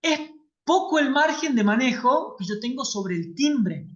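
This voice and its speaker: A woman's voice: high voice, lively intonation, unhurried. Lady teacher on a video call, explaining stuff and checking in a lot, kinda muffled audio. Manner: explanatory, checks in with students often. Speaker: workshop teacher. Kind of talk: online class lecture.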